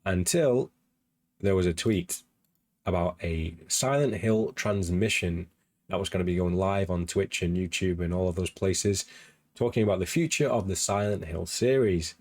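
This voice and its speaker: A man's voice: low-pitched, normal speed, darkish tone, no echo. A man hosting a gaming news podcast on a livestream, chatting casually in an eager, rambling way with many fillers and restarts, his voice a little worn. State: slightly losing his voice. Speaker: podcast host.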